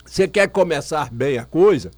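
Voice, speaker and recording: A man's voice: on the high side, lively intonation, moderate pace, a little mellow. A man from Brazil talking football on the radio as a guest, emphatic and opinionated, repeating his points. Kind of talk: casual radio chat.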